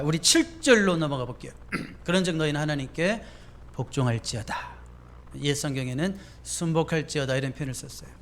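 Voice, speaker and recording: A male pastor preaching a sermon in a conversational way, often asking the congregation questions. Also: fairly high pitch.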